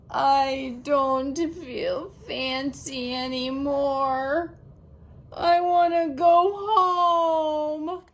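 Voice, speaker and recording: Woman voicing Fancy Nancy, slow, precious little girl. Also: very high-pitched, pitched above the performer's own voice, full character voice. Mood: dismayed. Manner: dramatic, grandly precious, emphatic. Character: excitable little girl who adores all things fancy.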